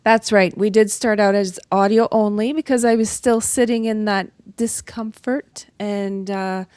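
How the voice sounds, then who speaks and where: A woman's voice: mid-range voice, steady tone, unhurried, darkish tone, clean tone, no room sound. Chatty woman, dry close sound. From northern Ontario, Canada. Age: middle-aged. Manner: chatty and upbeat, laughs easily. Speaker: guest author. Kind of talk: casual interview chat.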